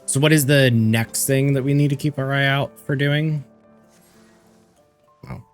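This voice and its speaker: A man's voice: mid-range voice, fairly even intonation, a little slow, soft background music. A man streaming a game, chatting casually and swearing offhandedly. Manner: laid-back, swears casually. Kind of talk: casual chat while gaming.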